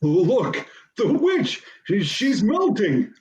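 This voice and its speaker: A man's voice: sits high, huge pitch swings, drawn-out words, a little mellow, heavily acted. A man playing a nervous, whiny cowardly lion in a comic radio play, blustering and stammering. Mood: alarmed.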